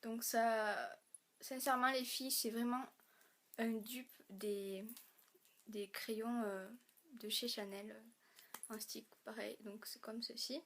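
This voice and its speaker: A young woman from France, chatting through a beauty haul vlog, halting with fillers and restarts, a little hoarse and clearing her throat as she loses her voice. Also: a little high, steady tone, a bit bright, a little hiss or hum. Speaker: beauty vlogger.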